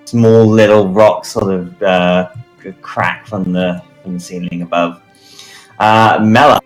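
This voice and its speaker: This man runs a tabletop game from behind the screen. He speaks slowly and in a fairly low register, and a faint strand of music sits under him. His narration is measured and keeps pausing on fillers. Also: steady tone. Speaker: game master.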